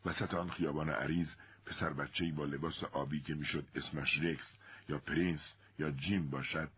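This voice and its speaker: A man narrating an audiobook in an expressive storytelling manner. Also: rumbling low, husky, dull audio.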